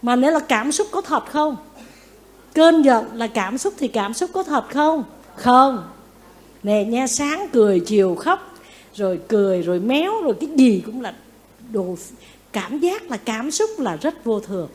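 A Buddhist nun giving a lively dharma talk, often asking her listeners questions and acting out what people say. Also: on the high side, measured pace. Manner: lively, asks the audience questions, acts out quotes. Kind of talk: sermon.

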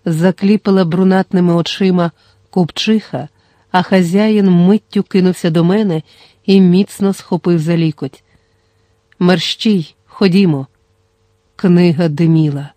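A reader narrating an audiobook in a steady, measured storytelling manner. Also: medium pitch, no echo.

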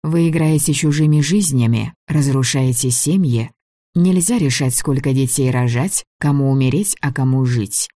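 A man voicing a proud, sharp-tongued young sorceress, throwing scornful retorts in an audiobook reading. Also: medium pitch, normal speed, dry recording, studio quality, close to an everyday voice. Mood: defiant.

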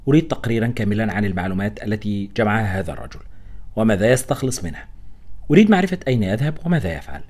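A man's voice: on the low side, big pitch swings, very fast, a little mellow. A man doing a pushy, meddling supervisor. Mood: pressing. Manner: insistent, pushy, by turns irritated and coaxing. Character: meddling older male British supervisor, controlling.

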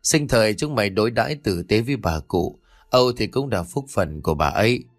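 A man doing a gentle old village woman. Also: lowish voice, lively intonation, a little fast, no echo. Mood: consoling. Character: kindly elderly village woman, consoling.

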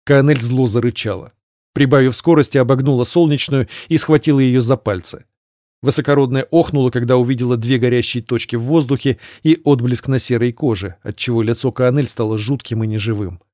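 Male audiobook narrator, measured and even, mid-range voice, dry booth sound. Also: mid-range voice, no room sound.

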